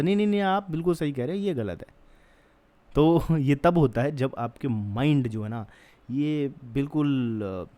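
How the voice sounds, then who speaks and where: Young male commentator, smooth tone, earnest and argumentative, many fillers. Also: a little high, darkish tone. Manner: acts out soothing quoted voices. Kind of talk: opinion commentary on a news case.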